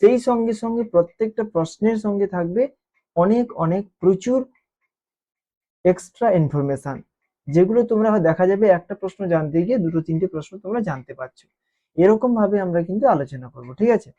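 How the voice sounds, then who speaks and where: A woman teacher explaining exam questions, repeating key terms and checking in with quick questions to students. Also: medium pitch, lively intonation, mellow. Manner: repeats key terms and keeps asking "ঠিক আছে?". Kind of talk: exam-prep lesson explanation. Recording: dull lo-fi recording.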